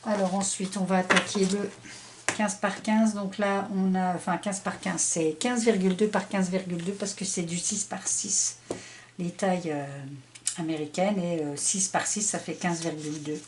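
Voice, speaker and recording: A woman's voice: on the low side, fairly even intonation, normal speed, a little hiss or hum. A middle-aged woman chatting through a scrapbooking haul, hesitant, with many fillers. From France. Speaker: scrapbooking vlogger. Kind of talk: casual haul show-and-tell.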